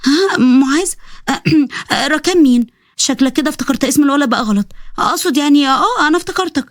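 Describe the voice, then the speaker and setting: A feisty young woman with an Egyptian accent, voiced by a woman in a storybook. She snaps out bossy retorts in a rather high voice at great speed. The sound is dry. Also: lively intonation, quick pace, no echo. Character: sharp-tongued young woman, feisty college student.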